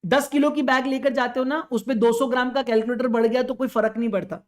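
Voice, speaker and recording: A man's voice: extremely high pitch, steady tone, quick pace. A young man teaching an online exam-prep lecture, giving direct, fatherly advice to students and switching between Hindi and English. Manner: mixes Hindi and English, calls students "beta".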